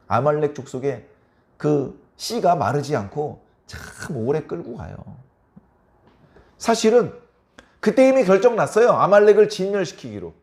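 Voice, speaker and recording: A pastor preaching a midweek sermon, prompting the congregation for a response. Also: male voice, a little high, darkish tone. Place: church service.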